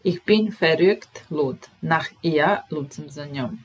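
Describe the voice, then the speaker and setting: A woman with a Serbian accent teaching German. She says each example sentence slowly, repeats it and then explains it. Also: low-pitched, breathy edge, low-quality recording. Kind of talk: slow language lesson.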